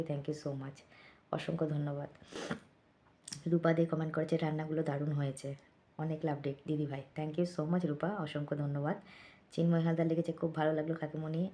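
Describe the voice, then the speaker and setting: A middle-aged woman speaking very quietly late at night, thanking viewers for their comments. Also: low-pitched. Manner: speaks very softly so as not to wake someone. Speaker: vlogger. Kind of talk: late-night hushed vlog chat reading comments.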